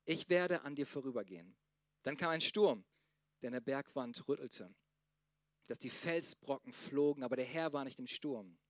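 A man preaching a sermon to a church congregation, swinging from loud urging to soft, hushed passages. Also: medium pitch, expressive, moderate pace, no echo, studio quality. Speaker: pastor.

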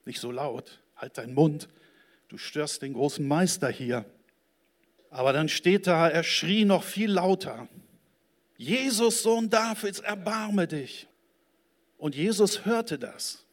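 A man preaching a sermon, slowly and emphatically, acting out the quoted lines in the stories he tells. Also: on the high side, darkish tone. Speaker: pastor.

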